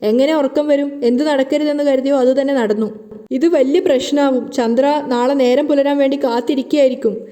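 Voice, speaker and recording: A woman's voice: high voice, fairly even intonation, moderate pace, mellow, long reverb tail, lightly acted. A woman voicing a timid middle-aged mother who frets and speaks fearfully. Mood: fretting. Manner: fearful, fretting.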